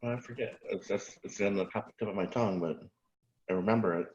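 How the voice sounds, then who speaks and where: A man with a lowish voice reads a novel aloud in a halting way and corrects his own slips. The sound is roomy and muffled, from off mic. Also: a little mellow. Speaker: class participant reading aloud.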